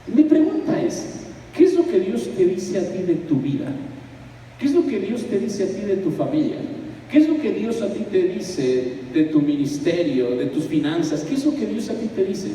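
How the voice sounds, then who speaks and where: A man preaching a sermon, lively and conversational, full of rhetorical questions. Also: sits high, normal speed, slight background noise. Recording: echoey hall from far off.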